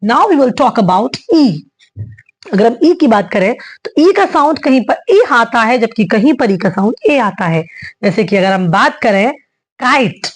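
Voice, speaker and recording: A woman teaching an English phonetics lesson, patiently explaining and repeating each sound slowly. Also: a little high, animated.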